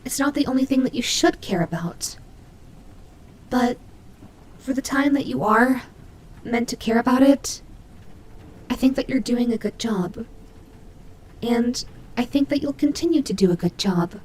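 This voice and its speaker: A woman voicing a tsundere nightmare animatronic rabbit, gruff but protective, in an intimate, hesitant roleplay audio drama style. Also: on the high side, lively intonation, a little hiss or hum, low-quality recording. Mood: gentle, reassuring. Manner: hesitant, halting, flustered tsundere softness.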